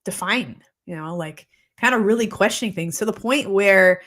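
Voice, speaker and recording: Speaking at a moderate pace in a medium-pitched, fairly bright voice with a touch of congestion, a woman in her forties greets viewers on her weekly live stream. She's a holistic practitioner whose reflective, chatty talk through a streaming mic is full of fillers.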